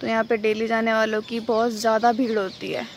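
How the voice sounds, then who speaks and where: A young woman from India chatting to camera in a rambling vlog, phone held at arm's length on a quiet outdoor road. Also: fairly high pitch, level tone, brisk, a little hiss or hum. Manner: chatty, rambling, filler-heavy. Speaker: vlogger. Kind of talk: casual vlog talk to camera.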